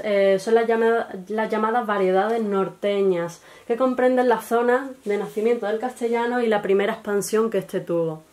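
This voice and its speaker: A woman with an Andalusian accent delivers a recorded lesson to her students. She explains one point at a time, pausing on short fillers and checking that everyone is following. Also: medium pitch, darkish tone. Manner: explanatory, frequent pauses and "eh" fillers, checks understanding with "¿vale?". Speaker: teacher.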